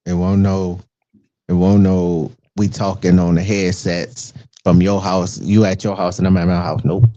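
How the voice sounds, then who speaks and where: Pria bersuara rendah, santai dan mengiyakan. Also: male voice, low voice, measured pace, dry recording. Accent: Southern US. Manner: agreeing, repeats phrases, relaxed. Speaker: podcast guest. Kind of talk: casual chat. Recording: dry dull lo-fi sound.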